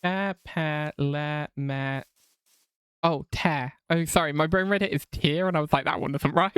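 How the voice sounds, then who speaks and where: A woman from England streams a game and chats away, swearing every so often and reading chat messages aloud in an accent that mixes southern and northern English. Her deep, unhurried voice has a clear, resonant tone, recorded at studio quality with no room sound.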